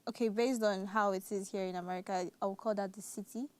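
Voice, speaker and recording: Young Nigerian-accented woman, student guest, soft and hesitant. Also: mid-range voice, fairly even intonation, fast, smooth. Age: young adult. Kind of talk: casual interview answers.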